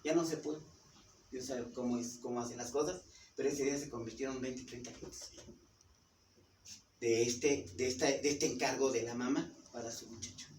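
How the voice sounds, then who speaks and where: A man's voice: mid-range voice, fairly even intonation, moderate pace, a little mellow. A man with a Mexican Spanish accent preaches a sermon, stopping often to put questions to his congregation. He is picked up from a distance, so his voice comes through a roomy church hall with some noise in the background. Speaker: pastor.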